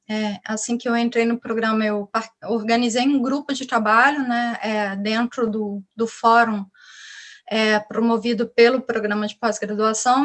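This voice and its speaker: A woman's voice: a little high, fairly bright tone. A middle-aged woman professor with a Brazilian Portuguese accent, speaking on an academic panel with many fillers and restarts.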